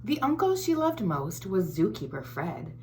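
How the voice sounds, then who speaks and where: Expressive woman reading a picture book aloud. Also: mid-range voice, a little slow, a little hiss or hum. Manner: expressive, sing-song storytelling with dropped whispers. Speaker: school board member reading aloud.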